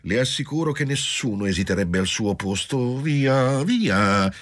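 A man reading an audiobook voices a passionate, desperate society woman who talks in a lively, insistent, pleading way. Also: on the low side, normal speed. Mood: agitated.

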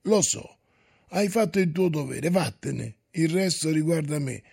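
A man voicing a lazy, sleepy male nobleman who mumbles slowly and irritably, with a husky, creaky voice. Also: fairly high pitch, lively intonation, darkish tone, full character voice. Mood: drowsy grumpy. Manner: drowsy, slow, irritable mumbling.

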